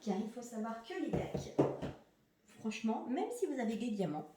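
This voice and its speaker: A woman chatting enthusiastically in a casual unboxing vlog, sometimes slipping into a soft half-whisper and moving away from the mic. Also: fairly high pitch, expressive, moderate pace, echoey room, very noisy. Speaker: crafting vlogger.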